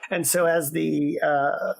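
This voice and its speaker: A woman running a remote tabletop game as game master, relaxed and halting with fillers. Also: low voice, creaky. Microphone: remote call mic.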